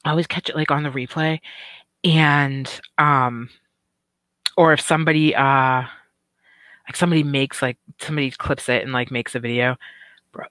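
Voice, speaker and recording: A woman's voice: extremely low pitch, a bit bright, dry recording. A middle-aged woman hosting a casual livestream, rambling and swearing with lots of fillers while chatting with viewers, and she has the hiccups. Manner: rambling and profane, with many "um" and "like" fillers. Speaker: livestream commentary host. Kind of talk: casual livestream chat, reading viewer comments.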